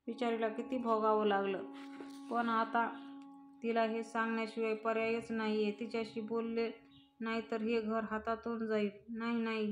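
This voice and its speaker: A woman's voice: a little high, natural voice. Woman reading as a worried older mother. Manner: flat monotone reading. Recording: dull lo-fi recording.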